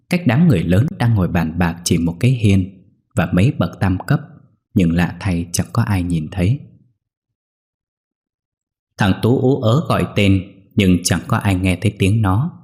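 A man narrates a ghost story in a steady, grave manner. His voice is low and deep, with a dark, mellow tone. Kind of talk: scripted horror story narration.

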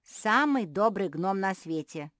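A woman's voice: mid-range voice, animated, measured pace, a bit bright, dry recording, studio quality, pitched above the performer's own voice. Woman doing the cheerful little gnome. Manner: cheerful, eager to help. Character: tiny kind male gnome helper.

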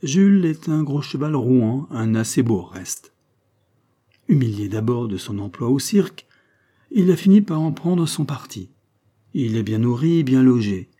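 A man reading a short story aloud as an audiobook, lifting his voice for the dialogue. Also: mid-range voice. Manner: lively, raises his voice for the dialogue. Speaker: reader.

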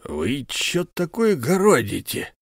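A man's voice: medium pitch, wildly swooping pitch, gravelly, no room sound, studio quality, voice pushed up, heavily acted. A man doing a blustering tipsy count. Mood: angry. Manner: blustering, quick to anger. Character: tipsy pushy middle-aged male count, hot-tempered.

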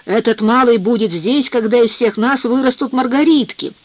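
A woman voicing an eager, excitable young sailor who talks with enthusiasm, in a dull, dry recording. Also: fairly high pitch, normal speed, no room sound, lightly acted. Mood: cheerful.

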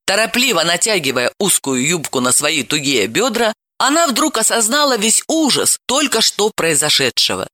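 Casting: woman audiobook narrator, expressive reading, bright tone, dry close sound. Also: mid-range voice, normal speed, hardly any pauses, dry recording. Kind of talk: scripted narration.

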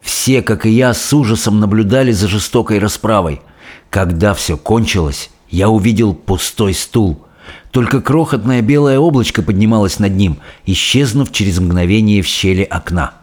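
A man narrating a storybook in an expressive, dramatic way. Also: on the low side, moderate pace, breathy edge. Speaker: audiobook reader.

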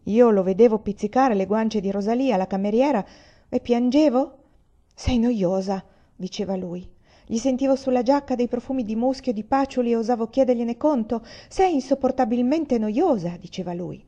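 Expressive woman reading a novel aloud. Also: on the high side, brisk, dull audio. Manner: expressive, voicing characters' lines with rising emotion. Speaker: reader. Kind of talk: literary audiobook reading.

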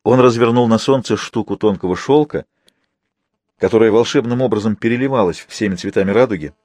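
Man, audiobook narrator, low voice, dry close sound, measured storytelling. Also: darkish tone, no room sound. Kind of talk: scripted narration.

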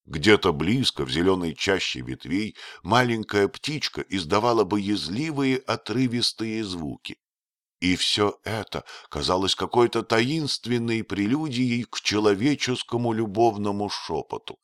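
A man narrating an audiobook in a steady storytelling manner, slowing on key words. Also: on the low side, no room sound, studio quality.

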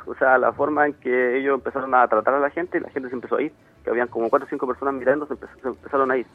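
Chilean guy calling in, talks real fast, tinny phone sound, dry. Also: medium pitch, steady tone, dry recording. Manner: rapid retelling full of quoted dialogue. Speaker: interviewee on a radio call. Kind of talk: phone-in interview account.

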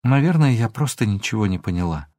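A man reading an audiobook, voicing an emotional young woman who pleads and sometimes flares up into shouting. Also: fairly low pitch, big pitch swings, brisk, no echo, clean studio sound. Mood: apologetic. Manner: pleading, then flaring into shouts.

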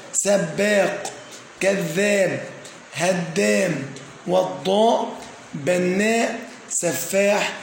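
A man teaching an Arabic grammar lesson, who checks in with "tamam?", fills pauses with "aah" and slowly stresses each word pattern as he lists examples. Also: sits high, gravelly. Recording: echoey room with faint ambient noise.

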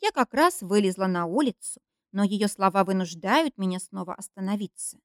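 Audiobook reader: woman, first-person, wry and expressive, lively pitch, dry close mic. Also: moderate pace, no room sound. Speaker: audiobook narrator.

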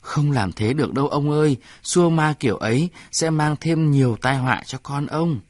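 A man voicing a calm male army medic who speaks firmly with a gentle joking manner. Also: on the high side, normal speed, no room sound, voice pushed up, close to an everyday voice.

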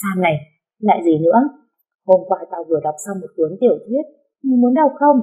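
A woman voicing a loud, teasing teenage schoolgirl friend in an audiobook story, brash and exclamatory. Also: medium pitch, expressive, brisk, slightly rough, muffled recording.

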